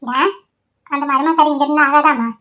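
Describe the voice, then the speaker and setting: A woman's voice: high-pitched, fairly even intonation, normal speed, pushed and bright, dull audio. A woman voicing a nosy, nagging older mother in a cartoon, with sarcastic jabs at her son. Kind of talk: Tamil cartoon voice acting.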